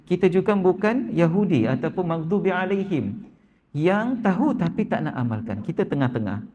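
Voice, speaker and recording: A man's voice: lively intonation, normal speed, a little mellow, highs cut off, slight background noise. A man with a Malaysian Malay accent giving an evening lecture in a mosque, often turning to the congregation and acting out voices in the stories he tells. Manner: addresses audience repeatedly, acts out quoted voices with lifted pitch. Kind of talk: Malay religious sermon. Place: neighbourhood mosque prayer hall.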